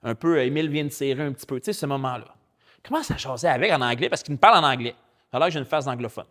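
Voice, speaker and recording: A man with a Québécois French accent, a pastor preaching a sermon in a lively, colloquial storytelling way. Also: mid-range voice, very fast. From Quebec. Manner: animated, colloquial and chatty, with spoken English slang.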